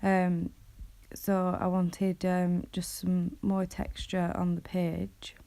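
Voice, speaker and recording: A young woman with a British accent and a croaky, low-pitched voice talks through her craft project in a casual voice-over. She hesitates often with ums, keeping a mellow, fairly flat delivery. The sound is close and dry. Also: takes it slowly, dry recording. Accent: British English. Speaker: craft vlogger.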